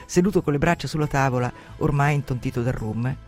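A man hosting a radio program on literature, retelling and commenting on an adventure novel in a lively, dramatic way. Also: medium pitch, quick pace, faint music behind. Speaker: radio host presenting a novel.

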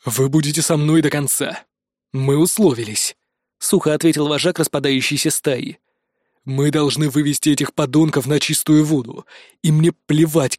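A man voicing a cold, fanatical male rebel leader in an audiobook, speaking calmly with a menacing growl. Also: a little high, no echo, studio quality, close to an everyday voice.

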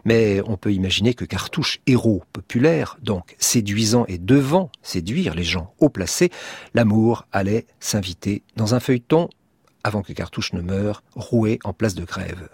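A man with a lowish, husky voice presents archive radio in measured, literary phrases. The sound is close and dry. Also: a little mellow, no room sound.

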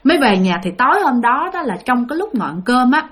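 Her voice sits high and is a bit bright as she races through a ghost story, very animated. The narration is chatty, and she talks straight to her listeners.

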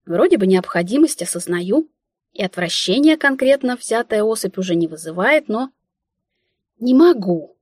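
Husky-voiced woman reading an audiobook. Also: mid-range voice, moderate pace, dry recording, studio quality. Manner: ironic and expressive. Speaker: audiobook narrator. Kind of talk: first-person audiobook narration.

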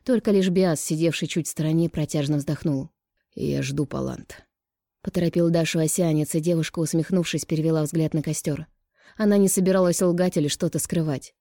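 A woman narrating an audiobook in a calm, even reading voice. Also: deep voice, dry recording, clean studio sound.

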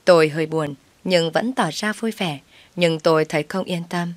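Low-voiced woman narrating a story. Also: moderate pace, no room sound. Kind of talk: first-person story narration.

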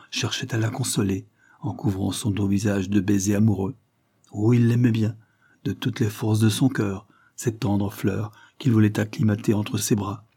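Low, husky male audiobook narrator. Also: warm tone. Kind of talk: scripted novel narration.

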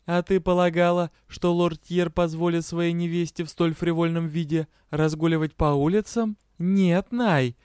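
Man acting young female vampire, furious, scornful, loud, smooth voice, storybook. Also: fairly high pitch, steady tone, moderate pace, hardly any pauses, no room sound, clean studio sound, voice pushed up, natural voice. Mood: annoyed. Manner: shouting, scornful, threatening.

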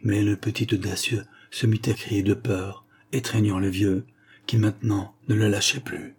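A man narrates a short story in a measured, unhurried audiobook reading. His voice sits low and dark, with a husky, breathy grain that softens every word. The delivery is steady and storylike.

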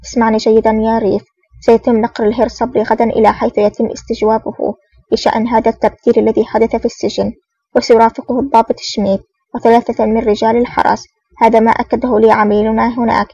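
A woman reads a scheming male spy ringleader in a storybook reading, sly and commanding. The voice is high and fast with a breathy grain. The sound is dry, dull and distant. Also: little pitch movement, dark tone, no room sound. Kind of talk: audiobook reading.

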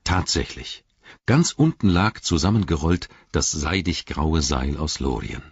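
A man narrating an audiobook in a measured, dramatic storytelling manner. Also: very deep voice, lively intonation, breathy edge, no echo, highs cut off. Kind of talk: scripted narration.

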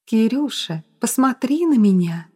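A woman voicing a young woman who poses as a vengeful ghost, speaking in a high, drawn-out voice that turns from coaxing to menacing. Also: animated, a little mellow, breathy edge.

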